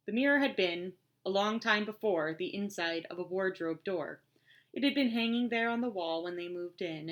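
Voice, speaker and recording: A woman narrating a story in measured, even storytelling tones. Her voice sits a little low for a woman. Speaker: audiobook reader. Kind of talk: scripted narration.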